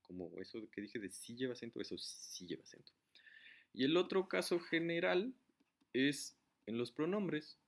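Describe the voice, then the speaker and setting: A man's voice: a little high, sing-song, normal speed. A man giving a casual, step-by-step grammar lesson while writing on a board. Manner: casual, explains step by step, writes while talking. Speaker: teacher.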